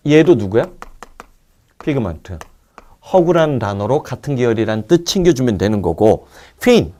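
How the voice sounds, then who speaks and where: Animated man teaching English vocabulary. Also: mid-range voice. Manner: lively, drilling word roots with quick asides to students. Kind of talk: recorded online lecture.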